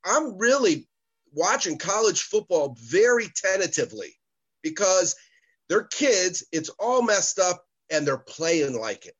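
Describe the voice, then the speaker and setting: High-voiced man on a video call. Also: sing-song, unhurried, fairly bright tone, breathy edge, dull audio. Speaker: sports betting guest. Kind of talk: casual chat.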